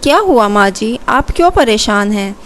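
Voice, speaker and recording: A woman's voice: fairly high pitch, animated, moderate pace, fairly bright tone, a little hiss or hum. A woman reading as a pleading young daughter-in-law. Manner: pleading, respectful.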